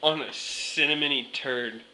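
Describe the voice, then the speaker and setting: A man's voice: medium pitch, unhurried, bright, forceful tone, slight background noise, poor audio. A man bantering casually in slangy, teasing, giggly talk as he hosts a food dare.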